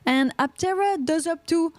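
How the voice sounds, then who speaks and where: A woman's voice: extremely high pitch, moderate pace, a little mellow, no echo. A woman from Quebec with a Québécois French accent, hosting a casual live podcast and chatting through viewer comments, often repeating words as she reads. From Quebec, Canada. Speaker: podcast host reading live chat. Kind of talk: casual livestream chat.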